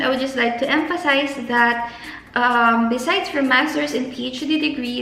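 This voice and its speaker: A woman's voice: sits high, creaky, fairly bright tone. A young Filipino woman with a Filipino accent, a graduate student giving casual, earnest advice in a vlog and stretching words for emphasis. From Philippines. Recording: echoey room with faint music.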